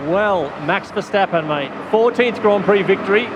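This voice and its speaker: A man's voice: high voice, unhurried, background noise. A man interviewing a driver after a race in an informal, matey, chatty style.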